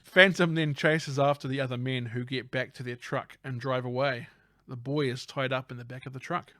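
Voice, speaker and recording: A man's voice: medium pitch, steady tone, normal speed, fairly bright tone, dry recording, clean studio sound. A man co-hosting a casual film podcast, narrating scenes playfully. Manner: playful narrating recap, breaks into silly voices. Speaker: podcast co-host.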